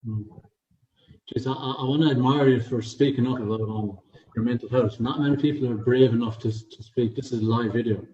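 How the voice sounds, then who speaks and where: Mellow Irish man, distant and echoey. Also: mid-range voice, fairly even intonation, brisk, a little hiss or hum. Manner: encouraging, complimentary. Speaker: host, fitness coach. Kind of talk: casual livestream interview. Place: online video meeting. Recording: muffled, roomy, distant from the mic.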